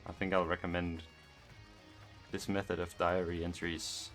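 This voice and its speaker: Monotone deep-voiced young man rambling. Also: moderate pace, soft background music. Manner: monotone, rambling, musing aloud. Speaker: gaming vlogger. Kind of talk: casual gameplay commentary.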